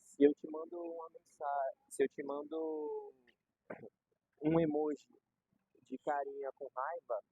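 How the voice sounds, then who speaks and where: A young man with a Brazilian Portuguese accent chats casually, explaining ideas through everyday examples and slang. His voice is on the high side, expressive and creaky with a dark tone, moving at a measured pace with long pauses. The dull lo-fi recording carries a little hiss or hum.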